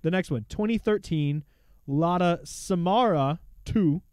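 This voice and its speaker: A man's voice: high voice, a little slow, darkish tone, clean tone, dry recording, clean studio sound. A man co-hosting a podcast in casual chat, playful and teasing with mock innocence. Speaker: podcast co-host.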